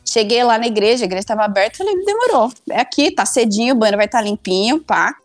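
Animated young woman telling a story. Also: on the high side, quick pace, no echo, soft background music. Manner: animated, acts out her own past lines. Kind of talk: casual comic storytelling.

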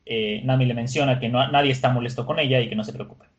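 A man's voice: medium pitch, fairly even intonation, quick pace, dull audio. A man casually recapping an episode as a podcast host, talking in a chatty way with lots of filler words and frequent laughter.

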